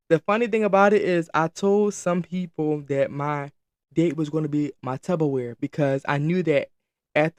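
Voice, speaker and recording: Young guy host, slightly high voice, dry close sound, lively casual story-time delivery. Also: no echo. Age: late teens. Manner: chatty, animated, addresses viewers as y'all. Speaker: podcast host.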